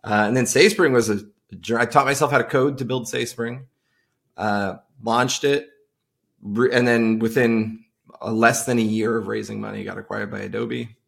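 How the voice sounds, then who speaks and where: A Long Island tech entrepreneur in middle age trades stories on a podcast in a casual interview. His medium-pitched voice holds a steady tone at a moderate pace, a bit bright with some vocal fry.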